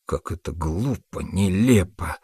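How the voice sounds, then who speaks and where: A man voicing a cold, bewildered young man in a storybook reading, quiet and dismissive. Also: low-pitched, lively intonation, slow, husky, no room sound, clean studio sound, full character voice.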